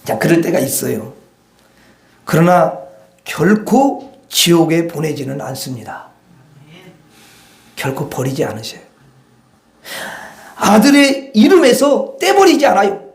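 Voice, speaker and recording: A high-pitched male pastor preaches with animated, conversational energy and throws rhetorical questions to the congregation. His voice rings through a roomy church sanctuary. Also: measured pace, pauses often. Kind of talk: sermon.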